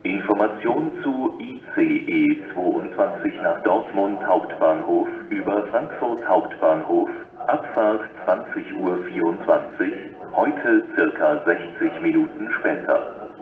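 A man reads a flat, formal, segmented scripted platform announcement as a railway station announcer. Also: deep voice, takes it slowly, crowd noise. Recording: echoey, distant, dull station loudspeaker with noise.

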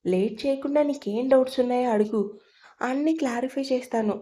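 A woman's voice: high voice, a little fast, warm tone, natural voice. A woman voicing a cocky, teasing young man in an audio story, speaking in a blunt and careless way.

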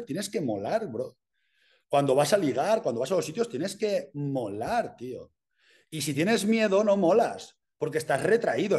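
A man with an accent from Spain, giving an energetic, casual mentoring talk full of slang and swearing. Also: sits high. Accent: Spain Spanish. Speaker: personal branding mentor.

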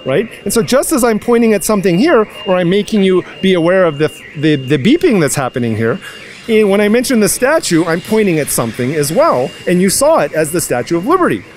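Into a handheld mic held by an interviewer on the street at night, a young passerby philosophizes and throws out rhetorical questions. He speaks in a high, sing-song voice, a little fast, with slight background noise.

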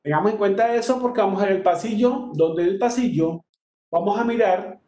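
Colombian man teacher, high voice, counts and chants rhythms, echoey room with guitar. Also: fairly quick, warm tone. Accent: Colombian Spanish. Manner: counts beats aloud and chants strumming patterns. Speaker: music teacher. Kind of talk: online workshop lesson on tiple rhythms.

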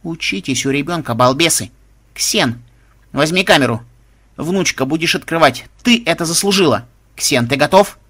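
A man's voice: on the high side, animated, normal speed, fairly bright tone, husky. A man voicing a short-tempered woman captain of a space pirate crew in an audiobook, barking orders. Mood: commanding.

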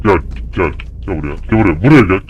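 A young man giving angry gameplay commentary, swearing and shouting at the game in a fury. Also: deep voice, animated, fast, lo-fi sound, slight background noise. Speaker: gaming YouTuber.

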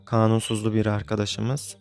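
A man's voice: fairly low pitch, monotone, moderate pace, darkish tone, faint music behind. A young man giving frustrated live commentary on his own gameplay, grumbling and venting at the game. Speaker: gaming YouTuber.

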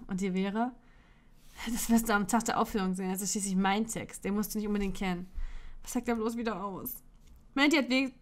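A woman with a fairly high voice reads a dating-sim game aloud for her Let's Play. She voices every character in her own voice and keeps breaking into giggles as she goes. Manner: playful, often breaking into giggles.

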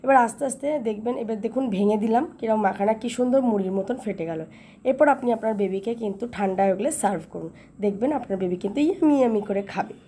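A woman's voice: mid-range voice, racing, warm tone, slight background noise. Young mother with a cold, explaining a recipe. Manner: patient instructive tone, repeating steps with emphatic fillers. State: has a cold and sore throat. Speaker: mother and home cooking vlogger. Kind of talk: recipe demonstration to viewers. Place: home kitchen, indoors.

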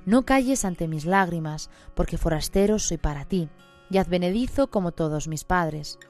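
A scripture reader, a woman with a fairly low voice, reads a psalm aloud in a solemn, measured, even manner. Music plays clearly behind her the whole time.

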